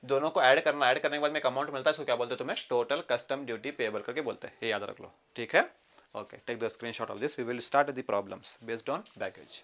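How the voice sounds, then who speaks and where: A man's voice: medium pitch, fairly bright tone. A male commerce teacher with a Kannada-region Indian accent lectures, repeating key terms, quizzing his students, and mixing Hindi with English terms. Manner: mixes Hindi with English terms, reads problems slowly. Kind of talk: classroom lecture.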